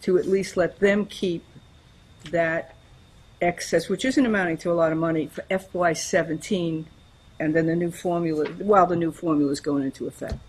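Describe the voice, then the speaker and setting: A woman's voice: on the low side, steady tone, moderate pace, slightly rough, rough recording. Hesitant woman asking a question in a meeting. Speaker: board member. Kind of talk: meeting discussion.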